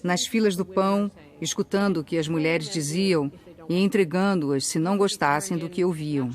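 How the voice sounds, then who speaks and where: A woman dubbing an interviewed expert, speaking in a steady, explanatory way in a studio voice-over. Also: lowish voice.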